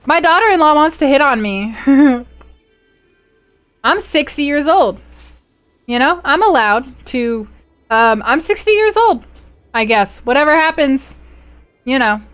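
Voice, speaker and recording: A woman streams a strategy game live, and her voice sits high and swoops widely as she talks. She reads event text aloud in a storytelling way, then breaks into playful outbursts and chats with viewers. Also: expressive, a little slow, pauses often, faint music behind. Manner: playful, exclaims loudly and talks to chat.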